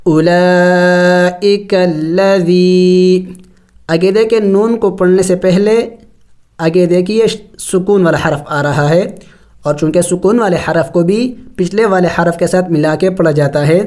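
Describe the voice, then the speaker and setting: A man teaching Quran recitation rules, spelling out letters and vowels slowly and then explaining each rule at a brisk pace. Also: high voice, darkish tone. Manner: drawn-out melodic recitation of verses. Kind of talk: step-by-step tajweed lesson.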